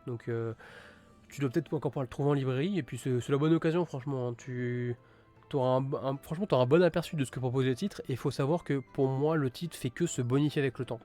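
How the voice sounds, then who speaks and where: A man's voice: medium pitch, quick pace, mellow. Rambling male streamer, faint music behind. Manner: rambling, many fillers and restarts; enthusiastic about gory titles. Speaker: streamer reviewing manga. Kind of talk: casual live-stream chat.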